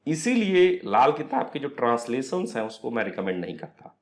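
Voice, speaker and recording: Male tutor, middle pitch, lecture-style explainer who quizzes and answers himself, code-mixing English. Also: sing-song, normal speed. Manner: explains step by step, asks and answers own questions; mixes English words into Hindi. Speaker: astrology teacher. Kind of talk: online class lecture.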